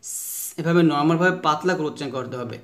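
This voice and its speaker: A man giving a patient pronunciation lesson for Quran recitation, modelling each letter sound slowly and having listeners repeat after him. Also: fairly high pitch, a bit bright. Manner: slow drawn-out modelling of letter sounds with repetition drills; patient, repeats each point several times.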